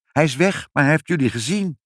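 Guy reading aloud as a high little girl, weepy and whiny, storybook style, super lively up and down. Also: a little fast, dry recording, studio quality, close to an everyday voice. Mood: eager. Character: tearful little girl, eager and excitable.

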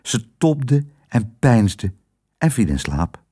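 A man's voice: medium pitch, slow, husky. A man narrating a children's audiobook, telling it expressively. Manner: expressive storytelling.

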